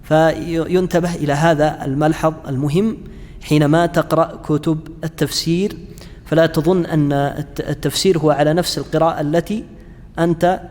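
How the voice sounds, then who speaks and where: Guy teaching a class, stops and restarts a lot, kinda high voice, echoey hall. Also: steady tone, a little mellow. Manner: halting, frequent fillers and restarts, chats with students. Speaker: Islamic studies lecturer. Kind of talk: classroom lecture with students.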